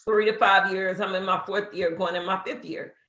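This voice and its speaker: A woman's voice: medium pitch, fairly even intonation, moderate pace, fairly bright tone, roomy sound, dull audio, slight background noise. A woman in her fifties casually walking a beginner through an app step by step, chatty with fillers. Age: 50s. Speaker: business coach teaching social media. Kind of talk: casual how-to walkthrough.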